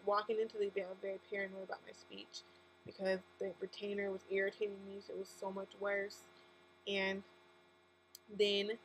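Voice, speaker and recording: This faith-based vlogger speaks in a mid-range voice, giving an emphatic, candid testimony with a lisp and frequent self-corrections. The recording is low quality, with a persistent mains hum and noise behind her.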